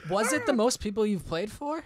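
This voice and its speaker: A man's voice: sits high, very animated, brisk, no room sound. A man hosting a podcast, asking casual, rambling interview questions full of fillers into a close microphone. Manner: loose and filler-heavy, circles around his questions. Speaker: podcast host.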